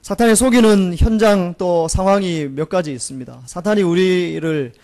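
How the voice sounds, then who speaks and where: A man's voice: high voice, normal speed, darkish tone. A male pastor preaching a Sunday sermon, asking rhetorical questions in an earnest manner.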